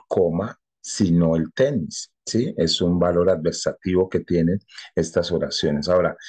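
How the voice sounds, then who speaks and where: A man teaching a lesson, explaining at a measured pace with frequent filler sounds and tag questions. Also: low-pitched, dark tone, husky. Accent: Colombian Spanish. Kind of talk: classroom explanation.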